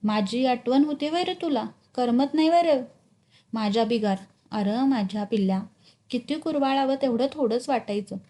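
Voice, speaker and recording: A woman's voice: a little high, moderate pace, warm tone, natural voice. A woman voicing a stubborn, cheeky village schoolboy in a read-aloud story. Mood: tender. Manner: cheeky, defiant.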